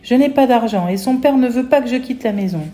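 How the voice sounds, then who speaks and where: Woman reader as a frantic, tearful mother, loud and pleading, mellow tone. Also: a little high, fairly quick, voice pushed up, natural voice. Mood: distraught. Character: desperate armed mother, tearful and shouting.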